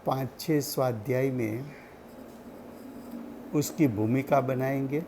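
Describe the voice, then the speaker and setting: A man giving a slow, deliberate religious study lecture, repeating key points for his listeners. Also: medium pitch, fairly even intonation, noisy background. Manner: slow, deliberate teaching with repetition. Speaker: scripture teacher.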